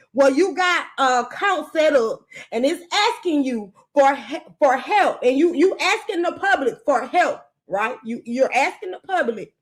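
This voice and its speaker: A high-voiced woman rants on a livestream, angry and profane after a sleepless night. She curses freely and keeps breaking off to greet viewers by name. Her delivery is raw and heated. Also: a bit bright. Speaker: podcast host on a livestream. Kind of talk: unscripted livestream rant.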